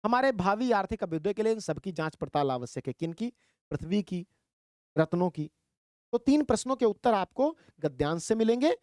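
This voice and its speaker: A man teaching a Hindi exam prep lesson, explaining step by step and reading verse slowly. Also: sits high, very animated, a little mellow, dry recording, studio quality.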